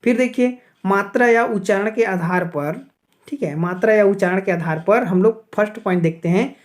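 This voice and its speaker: A man from Chhattisgarh, India, with a voice that sits high, leads an exam-oriented grammar class. He asks and answers his own questions, checks in regularly with "okay", and slows to spell out individual sounds.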